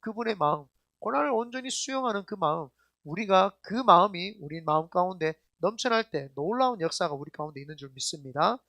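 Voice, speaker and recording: Male pastor, high voice, emphatic colloquial preacher who questions the congregation. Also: lively intonation, a little fast, sharp tone, no echo. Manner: addresses the congregation directly with questions. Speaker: senior pastor. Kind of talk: sermon.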